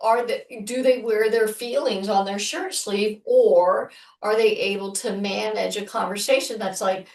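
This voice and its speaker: A woman's voice: mid-range voice, measured pace, gravelly, few pauses, recorded from a distance. A woman co-hosting a relationship podcast, speaking animatedly and acting out what others say in casual conversation. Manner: animated, quotes people in voices. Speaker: relationship therapist and co-host. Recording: echoey room, somewhat off-mic.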